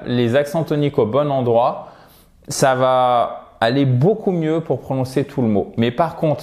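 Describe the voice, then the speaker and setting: A man's voice: medium pitch, darkish tone. A French man teaching English pronunciation in a video lesson, with a French accent. He drills words patiently and has learners repeat after him.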